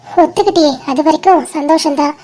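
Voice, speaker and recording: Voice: high voice, brisk, warm tone, lightly acted. A caring but bossy young woman in a cartoon voiced by a performer speaks. She scolds and nags insistently, with a teasing edge. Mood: scolding. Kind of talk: dramatic cartoon dialogue.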